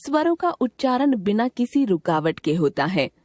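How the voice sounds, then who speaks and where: A woman reading a grammar lesson aloud, sounding out each letter slowly and deliberately. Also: fairly high pitch, big pitch swings, a little mellow, no echo, studio quality. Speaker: grammar teacher. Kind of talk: scripted textbook narration.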